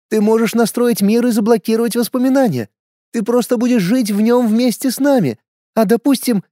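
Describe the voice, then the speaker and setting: A high, pleading young girl, as a male audiobook narrator puts her on, coaxing her brother to stay with her. The voice sits well above his own, with a dark, mellow tone. It is recorded close and dry. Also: dry recording. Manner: pleading, then shouting in tears. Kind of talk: audiobook character voice.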